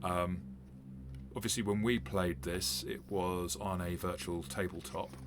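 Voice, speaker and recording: A game master and reviewer who runs tabletop games unboxes a game set while giving casual, rambling commentary full of fillers and restarts. He speaks a little slowly in a low-pitched, steady voice against a noisy background.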